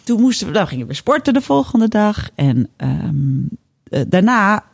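A woman's voice: medium pitch, sing-song, normal speed, gravelly. A woman in her fifties, a podcast co-host, telling a personal story in casual chat, candid and self-mocking, with many fillers and hesitant restarts. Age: 50s.

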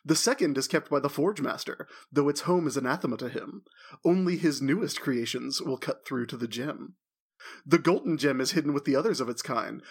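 Villain's magically amplified, booming voice in a tabletop game, menacing and grandiose, slightly husky, put on by a male game master. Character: dread male villain's booming voice echoing through a castle.

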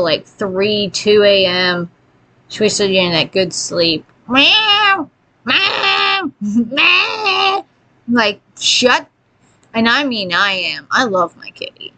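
Bright-voiced woman, laughing and swearing. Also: on the low side, a little hiss or hum. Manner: laughs often, swears freely, animated storytelling. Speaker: podcast co-host. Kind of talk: casual chat.

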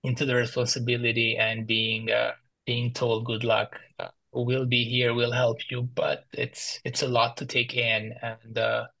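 A man's voice: medium pitch, completely flat delivery, measured pace, vocal fry, sharp tone, no echo, rough recording. A man with an Albanian accent, speaking casually and good-humouredly as an interview guest. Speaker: podcast guest.

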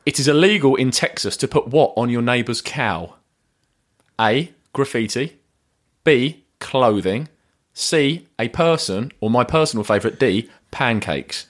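A man's voice: mid-range voice, animated, unhurried. A man hosting a podcast, reading out quiz questions in a playful, teasing way. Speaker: podcast host and quizmaster.

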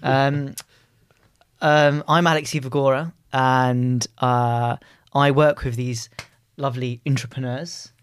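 A man's voice: mid-range voice, steady tone, slow pace, smooth, no echo. A man with a British accent hosting a casual podcast in a jokey, chatty manner. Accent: British English. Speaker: podcast host.

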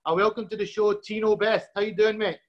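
A man hosting a casual sports interview, friendly and halting with lots of fillers. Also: high-pitched, steady tone, lo-fi sound. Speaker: host.

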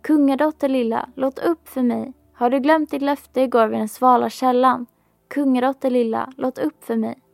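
A woman's voice: sits high, fairly even intonation, creaky, dry recording, faint music behind. A woman voicing a small, persistent male frog who keeps pleading and insisting. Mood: coaxing.

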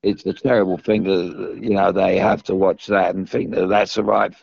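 Older British male pundit, very deep and gravelly, halting casual talk, dull dry recording. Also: flat delivery, no room sound. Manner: halting, repeats and restarts phrases. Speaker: former professional footballer, pundit. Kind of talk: casual football discussion.

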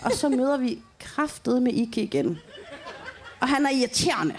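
A woman's voice: high voice, animated. A woman hosting a podcast, telling a funny story casually, laughing often and swearing. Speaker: podcast host. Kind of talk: comic storytelling.

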